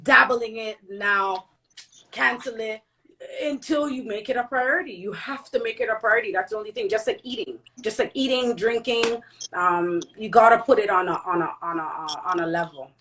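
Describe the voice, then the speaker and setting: A woman's voice: fairly high pitch, moderate pace, sharp tone, slight background noise, rough recording. Earnest woman stressing her point. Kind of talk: casual chat.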